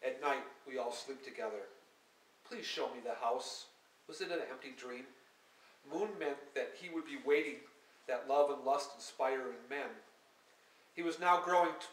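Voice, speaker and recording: A poet at a live reading who reads his poems in a measured, unhurried way and explains his work with halting, hesitant asides. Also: mid-range voice. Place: small hall at a live reading. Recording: echoey live room from a distance, faint hiss.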